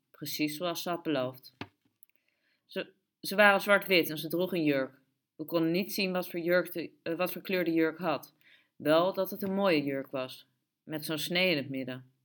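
A woman reading a story aloud in steady, measured narration. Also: low voice. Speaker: audiobook reader. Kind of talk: scripted narration.

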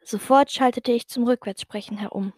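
A woman narrating a children's story in the first person with gentle, slow storytelling. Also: a little high, fairly even intonation, no echo, studio quality.

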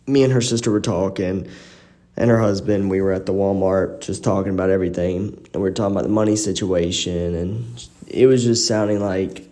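A man hosts his podcast in a loose, rambling way, peppering his story with fillers. His voice sits low and mellow. It is recorded on a phone in an apartment living room, and the bare walls wash every word in echo. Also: steady tone, fairly quick. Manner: rambling, frequent "you know" fillers. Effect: echoey room reverb. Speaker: podcast host. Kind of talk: casual personal storytelling.

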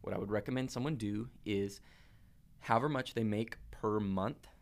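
A male podcast guest speaking in a relaxed, confident way with dry humor, a bit tired. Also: on the low side, moderate pace, gravelly. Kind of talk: casual podcast chat.

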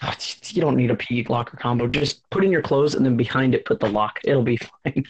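Rambling podcast host on a dull mic. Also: male voice, mid-range voice, fairly quick, breathy edge. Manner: rambling, full of "I mean" restarts, teasing. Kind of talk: casual podcast chat.

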